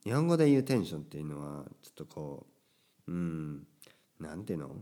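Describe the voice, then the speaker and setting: A man's voice: very deep voice, very animated, fairly quick, dark tone. A Japanese man hosting his own podcast, talking casually and energetically with many little tag questions. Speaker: podcast host teaching Japanese. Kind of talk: casual solo podcast talk.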